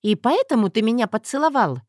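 A woman's voice: on the high side, big pitch swings, a little mellow, no echo, studio quality, voice pushed up. A woman voicing a sassy, defiant young wife who keeps snapping back, in an audiobook. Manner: sassy, quick to snap back.

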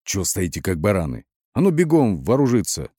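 A man's voice: sits low, wildly swooping pitch, normal speed, dark tone, no room sound, clean studio sound, heavily acted. A man voicing a brutal, crude male soldier who roars and swears. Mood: bellowing. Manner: roaring, swearing.

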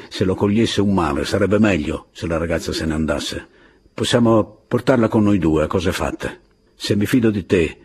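A man voicing a fierce, bossy middle-aged peasant woman in an audiobook, with a husky voice and a blunt, commanding manner. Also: low voice, a little mellow.

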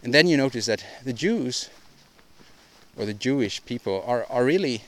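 A man's voice: mid-range voice, expressive, fairly bright tone. Rambling man on a solo podcast. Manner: halting, rambling, frequent restarts and repeated words; opinionated, ranting delivery. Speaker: podcast host.

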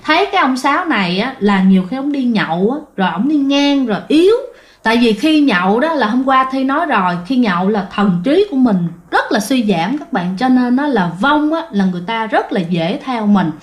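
A woman's voice: a little high, animated, brisk. A woman hosting a ghost story show, narrating in a chatty way and talking straight to her listeners. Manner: chatty, addresses listeners directly.

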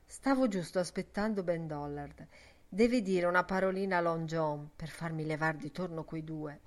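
A woman's voice: low-pitched, normal speed, lightly acted. A woman reading voicing Father Cowley, an anxious middle-aged priest with a pleading manner, in an audiobook.

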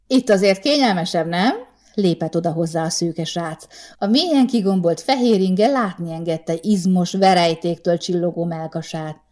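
Low, warm-voiced woman narrator. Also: few pauses. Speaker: audiobook narrator. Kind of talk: scripted narration.

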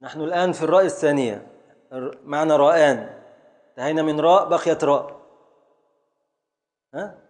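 A man's voice: on the high side, brisk, long pauses, a little mellow, in a large hall. A man with an Egyptian Arabic accent teaching a classroom lesson, drilling his students step by step with repeated questions.

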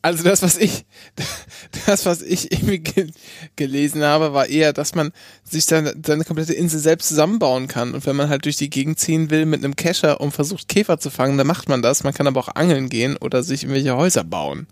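A man talking casually and eagerly on a podcast. His voice is a little higher than most. The recording is dry and close. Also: a little fast, no room sound. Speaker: podcast co-host.

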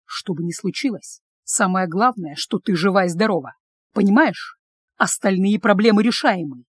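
A woman voicing a worried, caring man who talks calmly on the phone in an audiobook. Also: medium pitch, moderate pace, breathy edge, no room sound, clean studio sound. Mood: soothing.

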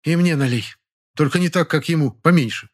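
A man's voice: fairly high pitch, a little fast, voice pushed up, natural voice. A male audiobook reader voicing a bossy, pushy older woman. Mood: demanding. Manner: pushy, demanding.

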